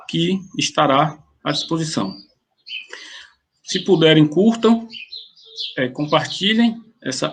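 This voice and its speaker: Gravelly man teaching a grammar lesson. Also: fairly high pitch. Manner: plain explaining with frequent restarts.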